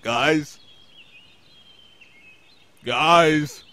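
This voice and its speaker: A man's voice: fairly high pitch, drawn-out words, sharp tone, dry recording, exaggerated voice. A man playing a grumpy, weary, reluctant cartoon unicorn, sarcastic and hesitant, with an exasperated delivery. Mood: uneasy, annoyed. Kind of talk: deadpan web cartoon acting.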